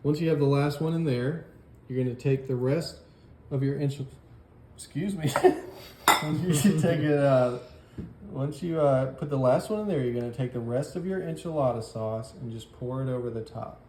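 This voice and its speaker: A man's voice: mid-range voice, moderate pace, dark tone, roomy sound, a little hiss or hum. A man hosting a home cooking video, walking through each step in an easygoing, jokey, folksy way. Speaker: cooking show host. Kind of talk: casual cooking demonstration.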